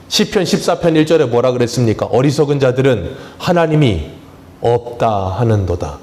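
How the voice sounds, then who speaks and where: A male pastor preaches in a church with a voice pitched a little high for a man, swinging up and down as he talks. He keeps putting questions to the congregation and answering them himself, in a chatty, humorous way. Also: darkish tone. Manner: conversational, plain-spoken preaching with touches of humor. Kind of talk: sermon. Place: church sanctuary.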